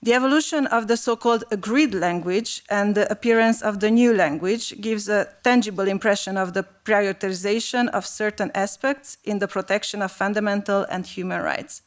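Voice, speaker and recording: A woman, originally from Romania, delivers a prepared speech to a panel. Her pitch sits at an ordinary middle height, and she reads in a steady, measured and formal manner. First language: Hungarian. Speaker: panel speaker.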